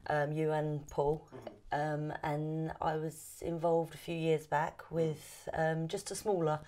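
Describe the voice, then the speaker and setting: A woman in her thirties, an actor being interviewed, talking casually with many hesitant pauses. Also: deep voice, flat delivery, warm tone.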